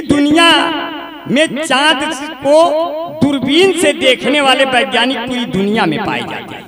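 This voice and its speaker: A man performing as a comic poet on a live stage, joking with the audience and slipping into drawn-out sung couplets. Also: high voice. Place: outdoor stage at a poetry gathering. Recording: live stage mic with loud crowd. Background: audience laughter and applause.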